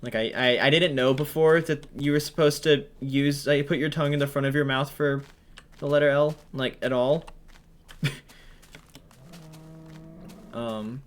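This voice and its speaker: A man's voice: medium pitch, steady tone, a little slow, pauses often. A man giving casual gameplay commentary at home, rambling with many fillers and restarts. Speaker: gaming commentator. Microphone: headset or desk mic while wearing headphones.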